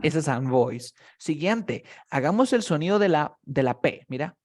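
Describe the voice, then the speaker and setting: A man with a slightly raised voice teaches English pronunciation on a video call, speaking through a computer mic. He explains patiently in Spanish, models each sound slowly and keeps checking that his student follows. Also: fairly high pitch, lively intonation, darkish tone. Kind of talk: online one-on-one English lesson.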